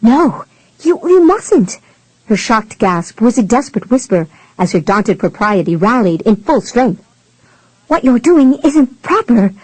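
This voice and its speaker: A woman voicing a sheltered young noblewoman who pleads in a breathless, hushed way in an audiobook. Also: fairly high pitch, expressive, measured pace, no echo, poor audio. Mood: shocked. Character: young aristocratic maiden, sheltered and flustered.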